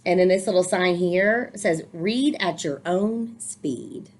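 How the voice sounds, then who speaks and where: Reading a picture book aloud to children, a woman with a lowish voice takes it slowly. She reads expressively and breaks in with encouraging asides that explain things to her young listeners.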